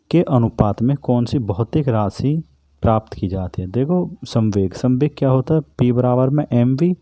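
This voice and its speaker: A man's voice: medium pitch, warm tone, dry recording. A man teaching an exam-prep physics lesson, who keeps asking questions and answering them himself. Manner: repetitive, asks and answers own questions.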